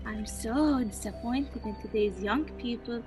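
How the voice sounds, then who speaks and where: A woman's voice: on the high side, over music, natural voice. A woman playing a cranky old wicked witch in a comic fairy-tale stage play, theatrical and menacing. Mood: scolding menace. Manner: theatrical scolding, drawn-out menace.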